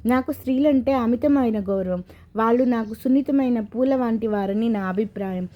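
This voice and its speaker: A woman voicing a grieving young married man haunted by his past, told slowly and from the heart. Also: fairly high pitch, lo-fi sound, lightly acted.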